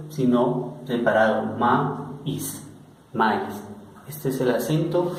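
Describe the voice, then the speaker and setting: A man teaching French, speaking slowly and patiently and going over each example word again and again. His voice sits at an ordinary middle pitch. The recording rings with a heavy echo, as if made in a bare room. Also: darkish tone, a little hiss or hum. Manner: slow and patient, repeats each example word several times. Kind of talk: online language lesson.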